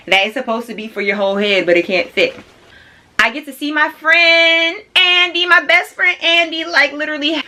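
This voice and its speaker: A young woman of twenty-one chatting excitedly and casually as she does her makeup for a vlog, full of slang. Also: high-pitched. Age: young adult. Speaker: beauty vlogger. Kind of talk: casual get-ready-with-me chat. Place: home studio room.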